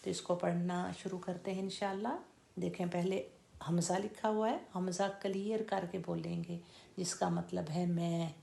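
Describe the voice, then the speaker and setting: A woman teaching Quran recitation in a slow, deliberate lesson, stretching out and repeating each syllable to show how it is said. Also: lowish voice, little pitch movement, creaky, warm tone. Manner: drawn-out demonstration of each syllable.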